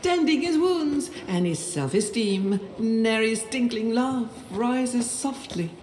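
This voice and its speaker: A woman narrating a medieval role-playing game in a measured storybook manner, sometimes dropping to a hush. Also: fairly high pitch, lively intonation. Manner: measured, with occasional hushed whispers. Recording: roomy echo, faint noise.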